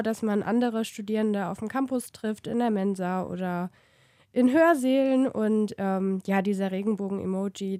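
A young woman of about twenty speaks hesitantly as a student guest, with a warm, mellow tone. The sound is dry and close. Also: mid-range voice, dry recording. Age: 20s. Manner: hesitant, with many fillers. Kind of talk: podcast chat.

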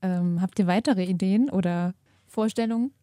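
A woman with a very dark, mellow voice hosts a university podcast and moderates it in a friendly, encouraging way. The recording is dry and close. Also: mid-range voice, moderate pace, no echo. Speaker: podcast host.

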